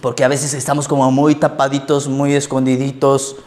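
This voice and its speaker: During a church service, a pastor preaches a sermon in a medium-pitched, somewhat monotone, slightly mellow voice at normal speed. He tells humorous stories about himself, full of self-mocking anecdotes and laughter.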